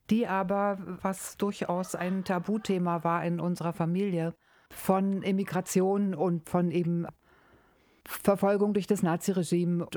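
A middle-aged woman from Berlin, a professor, explaining her field in a measured academic interview. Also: lowish voice, a little mellow, no room sound. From East Berlin, Germany.

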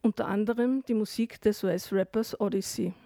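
A woman hosting a radio magazine, reading a scripted introduction in a smooth, measured way. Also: mid-range voice, steady tone, mellow, dry recording, studio quality. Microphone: close studio microphone.

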